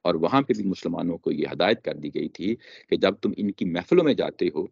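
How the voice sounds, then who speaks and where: A man's voice: deep voice, expressive, fairly quick, gravelly, a little mellow, slightly rough, no room sound. A man explaining scripture in a religious lecture, reciting verses and repeating key phrases for emphasis. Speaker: Quran teacher. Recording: dull dry lo-fi lecture recording.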